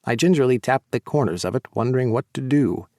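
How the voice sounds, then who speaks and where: A man's voice: mid-range voice, animated, quick pace, darkish tone, no room sound. Male audiobook narrator, dry close sound. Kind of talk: first-person romance audiobook narration.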